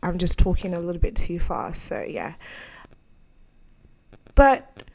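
A woman's voice: on the low side, very animated, slow pace, vocal fry, a little mellow. A young adult woman hosting her own podcast, talking candidly and rambling off on tangents, with frequent laughs. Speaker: podcast host. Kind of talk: solo podcast monologue.

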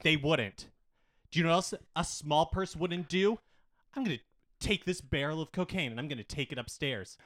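A man playing a petty, bragging male head of the family in an improvised comedy audio drama, spiteful and prone to loud outbursts. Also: on the high side, moderate pace, dry recording, natural voice. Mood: gloating.

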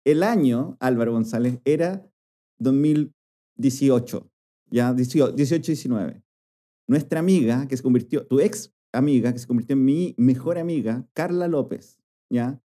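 A man's voice: medium pitch, normal speed. A man co-hosting a casual chat, telling stories playfully with many fillers. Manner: playful, animated storytelling with fillers. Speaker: podcast co-host.

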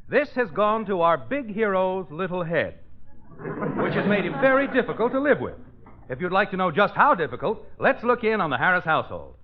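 A man announcing and narrating a scripted 1950s radio program. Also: sits high. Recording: muffled, noisy vintage radio broadcast.

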